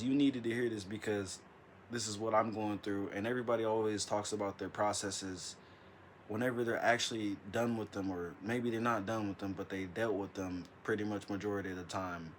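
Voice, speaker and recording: A man with a slightly low voice rambles through a late-night vlog, stammering, restarting and calling the viewer "bro" again and again. He records in a dark room straight into an iPad's built-in mic, with faint ambient noise behind him. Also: fairly even intonation, fairly quick. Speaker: vlogger. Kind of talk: casual late-night monologue. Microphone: iPad built-in mic.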